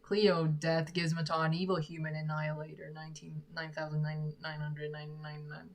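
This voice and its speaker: Her voice sits low and level, moving at a moderate pace, as this young Korean singer-songwriter responds to live comments in a relaxed chat, giggly and musing aloud.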